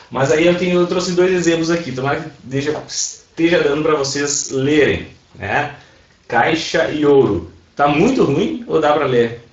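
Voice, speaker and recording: A man teaching an online class, explaining patiently and often checking that his students are following. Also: mid-range voice. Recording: roomy, dull sound. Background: airplanes passing overhead.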